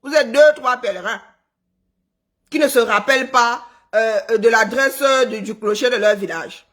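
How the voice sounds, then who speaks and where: Speaking a little slowly in a slightly high, fairly bright voice that she describes as unpleasant, a woman from Cameroon scolds her live-stream viewers with sarcasm. She works as a social media commentator.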